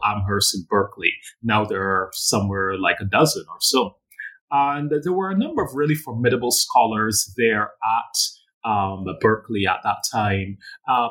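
A man from Barbados, a guest author answering interview questions in a measured, thoughtful way with some fillers. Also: lowish voice, fairly bright tone, slightly rough, low-quality recording. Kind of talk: academic interview.

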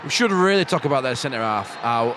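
A man's voice: medium pitch, lively intonation, brisk. A British man co-hosting a football podcast with dry, teasing banter outdoors. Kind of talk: casual banter and match chat. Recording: noisy outdoor stadium with traffic.

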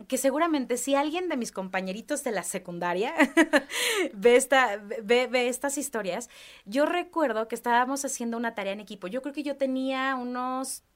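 A young woman with a Mexican Spanish accent recounts a personal story in relaxed conversation. Her voice sits a little high, and she throws herself into it, acting out voices and screams as she goes. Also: moderate pace. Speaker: podcast guest. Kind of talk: casual storytelling chat.

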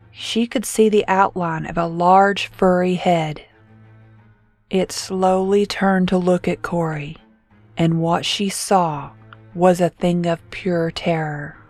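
Woman narrator for a horror story, lowish voice, measured pace, dry close sound. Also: a little mellow, dry recording. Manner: slow, measured storytelling with drawn-out suspense.

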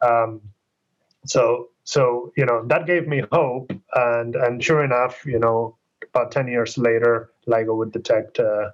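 A man's voice: medium pitch, fairly even intonation, unhurried, muffled recording. A man in his forties from Argentina, a physicist guest answering in casual interview talk, enthusiastic and rambling with many fillers.

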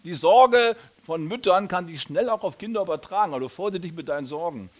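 A man delivering a sermon in a slightly higher voice. He tells stories with energy, turns to his listeners with questions, and slips into the voices of people in the story. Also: a little fast. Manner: lively storytelling, addresses congregation directly, acts out quoted voices. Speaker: pastor.

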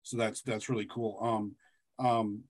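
A man's voice: on the low side, level tone, takes it slowly. A man from rural North Dakota co-hosting a podcast, asking loose, self-deprecating questions in casual chat. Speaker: podcast co-host.

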